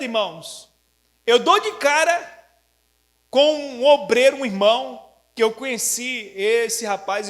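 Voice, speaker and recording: A pastor, a man with a notably high voice, tells a testimony from the pulpit. He is animated and conversational, constantly turning to his congregation. His voice rings with long reverb in a church hall. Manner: animated storytelling preacher, often addressing "irmãos". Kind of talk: sermon testimony.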